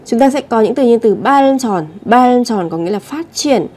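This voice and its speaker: A woman's voice: fairly high pitch, expressive, normal speed, darkish tone, breathy edge. A woman teaching Korean vocabulary, patiently repeating each word and speaking straight to her viewers. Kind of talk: vocabulary lesson explanation.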